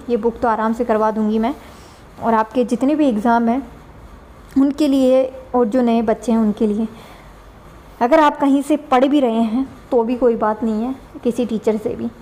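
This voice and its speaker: A woman's voice: a little high, warm tone, a little hiss or hum. Rajasthani-accented woman teaching, chatty. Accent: Rajasthani Hindi (Dhundhari). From Dhundhar region, Rajasthan. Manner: chatty, repeats words, tag questions. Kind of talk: online exam-prep lesson.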